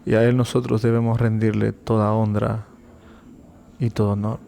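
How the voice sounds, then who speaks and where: A man's voice: lowish voice, little pitch movement, moderate pace, gravelly, dark tone, a little hiss or hum. A man telling a personal faith testimony as an interview guest, acting out the dialogue vividly.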